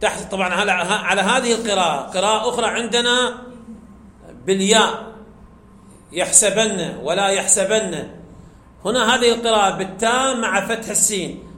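A man teaching a grammar lesson, speaking slowly and deliberately, repeating key words and chanting the verses he quotes. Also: high voice, sharp tone. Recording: echoey room with faint background hum.

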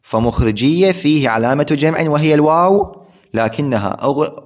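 A man's voice: fairly high pitch, expressive, moderate pace. A man teaching Arabic grammar in a classroom lesson. He asks questions and answers them himself, and repeats the key words. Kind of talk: classroom lesson explaining a text. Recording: dull lo-fi recording.

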